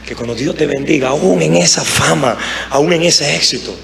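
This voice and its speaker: A man's voice: a little high, normal speed, creaky, a bit bright. Impassioned male preacher over music. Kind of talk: live sermon. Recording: sermon with music behind.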